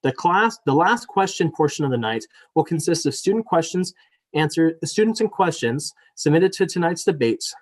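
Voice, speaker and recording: A man's voice: on the high side, expressive, normal speed. A young man, a student elections director, moderating a debate over a video call. He is apologetic and chatty with many fillers, then reads the rules formally. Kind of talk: moderating a live virtual debate.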